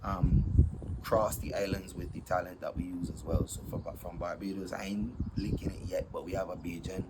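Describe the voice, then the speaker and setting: A young man with a very deep voice talks in a relaxed, easygoing way as a guest, often dropping in "yeah, man" between thoughts. A loud background hiss sits under his speech throughout. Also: normal speed. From Saint Vincent and the Grenadines. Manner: laid-back, many fillers and "yeah, man". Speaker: DJ and event promoter guest. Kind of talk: casual interview chat.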